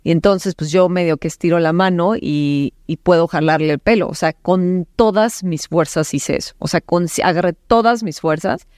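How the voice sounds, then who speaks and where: A woman's voice: fairly low pitch, normal speed, hardly any pauses, darkish tone, dry recording, clean studio sound. A woman with a Mexican Spanish accent recounting a personal experience in a rambling way, with many fillers and emphatic repetitions.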